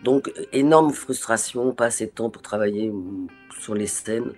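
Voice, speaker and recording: Animated, hesitant French voice actress. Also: female voice, a bass voice, normal speed, faint music behind. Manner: animated, acts out remembered dialogue; hesitant, with frequent restarts. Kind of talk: interview conversation.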